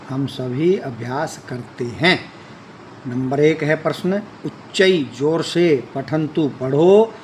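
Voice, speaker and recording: A man's voice: a little high, a little mellow, a little hiss or hum. A man teaching a Sanskrit lesson, reading lines aloud and then explaining them. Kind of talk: classroom explanation.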